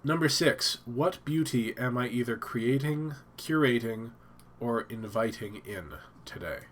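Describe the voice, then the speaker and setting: A man's voice: mid-range voice, expressive, measured pace, fairly bright tone. Stuffed-up man rambling on a home stream. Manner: rambling, thinking aloud with fillers and restarts. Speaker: live stream host. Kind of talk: casual live-stream chat. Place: home office.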